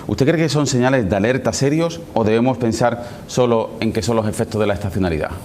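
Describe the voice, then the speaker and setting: A man's voice: fast talker, darkish tone. A man putting probing questions as the interviewer in a formal news interview. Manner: probing, pressing. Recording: noisy with low rumble.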